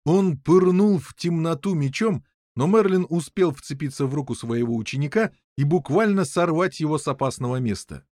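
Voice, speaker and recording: A man narrating a story in a lively, expressive voice that moves a lot in pitch. His voice sits a little higher than most men's. The recording is dry and close, with no room sound. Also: normal speed, few pauses, no echo. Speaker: audiobook narrator. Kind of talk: scripted narration.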